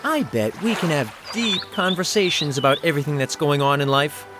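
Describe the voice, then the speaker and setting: A man's voice: on the high side, animated, a little fast, over music, lightly acted. A man voicing a cocky, sardonic young male wizard in a video game, grumbling and flippant. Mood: sarcastic.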